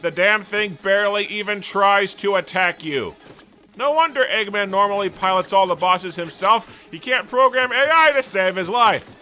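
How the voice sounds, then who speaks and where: A man's voice: high voice, normal speed, sharp tone. A man narrating a scripted video game review, sarcastic and ranting, with frequent swearing. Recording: voice-over with faint music.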